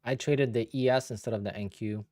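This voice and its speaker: A Polish day trader in his thirties answers viewers on a live stream, chatting casually and rambling, thinking aloud and restarting his sentences in a relaxed way. His voice is medium-pitched and brisk, captured dry with clean studio sound.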